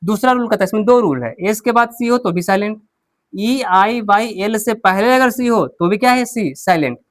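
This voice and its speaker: A man's voice: high voice, normal speed. Man teaching who quizzes and answers himself. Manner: asks the class questions and answers them himself, repeating key words. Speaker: English teacher. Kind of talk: classroom lesson, explaining at a board.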